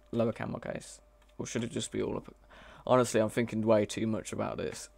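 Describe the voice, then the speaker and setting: Man, gravelly voice, casual live-coding chatter, halting and self-correcting. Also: lowish voice, flat delivery, no room sound. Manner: thinks aloud, hesitant, self-correcting. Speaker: mod developer streaming live.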